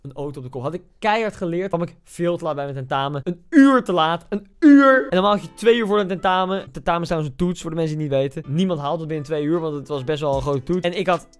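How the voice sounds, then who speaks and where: A high-pitched young man with a Netherlands Dutch accent gives excitable gaming commentary, mocking himself and bursting into shouts when goals go in. Faint music sits behind his close-miked voice. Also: very fast, few pauses, clear, resonant tone. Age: young adult. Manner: excitable, shouts at big moments, self-mocking. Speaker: gaming YouTuber.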